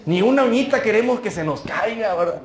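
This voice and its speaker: A man's voice: high-pitched, animated, a little fast, echoey room. A male pastor preaching a conversational sermon, often tossing in rhetorical asides to the congregation.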